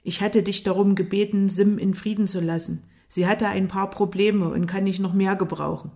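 A woman voicing a blind young man who talks in a steady, measured way, in an audiobook. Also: mid-range voice, natural voice. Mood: restrained.

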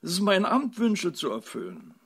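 A man's voice: medium pitch, big pitch swings, unhurried, gravelly, slightly rough, heavily acted. A man voicing a cheerful young fairy who grows desperate as her wishes are refused, in a storybook reading. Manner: eager, increasingly desperate pleading. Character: flustered young female good fairy.

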